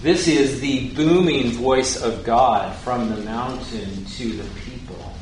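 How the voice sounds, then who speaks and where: A man's voice: mid-range voice, takes it slowly, noisy background. A man teaching the Bible in a conversational way, putting questions to his listeners and paraphrasing scripture in casual words. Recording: very echoey room, faint ambience.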